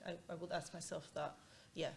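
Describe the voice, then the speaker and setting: Woman, interview guest, hesitant, halting, faint background noise. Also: sits low, flat delivery, creaky. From Portugal and Angola. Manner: hesitant, halting, with many fillers and restarts. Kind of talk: casual interview chat.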